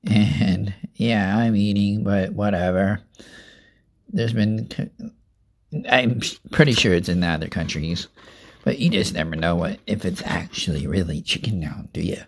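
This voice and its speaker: A man's voice: fairly low pitch, breathy edge. A young man rambling casually through a food review vlog, chatting and eating as he talks. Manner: rambling, chatty, eats while talking. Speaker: vlogger.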